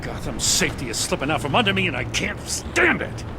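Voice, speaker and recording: An actor playing a gruff, world-weary middle-aged police commissioner in a video game, blunt, stubborn and exasperated. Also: male voice, fairly high pitch, big pitch swings, a little fast, background noise. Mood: angry, threatening. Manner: blunt, exasperated, hard-boiled.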